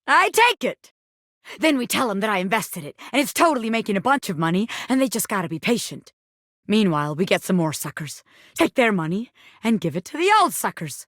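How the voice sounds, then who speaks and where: A brash little bobby pin who fancies itself a criminal mastermind for a video game. The voice sits fairly high and swings widely in pitch, with a sharp, forceful edge. It talks like a cocky, flirty wiseguy running a scam. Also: female voice, no echo, clean studio sound. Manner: cocky, street-tough wiseguy talk full of slang. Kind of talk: animated video game character acting.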